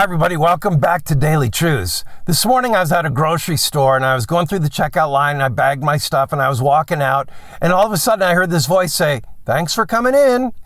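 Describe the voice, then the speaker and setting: A pastor speaks in a notably high voice, telling a candid story before his earnest point. The sound is close and dry, with no room around it. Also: fairly bright tone, no echo. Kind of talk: short devotional talk.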